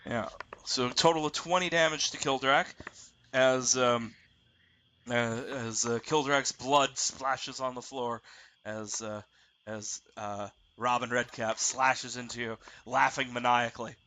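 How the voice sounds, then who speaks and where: A man running a tabletop roleplaying game as game master, narrating haltingly and piecing sentences together. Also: medium pitch, steady tone, bright, forceful tone.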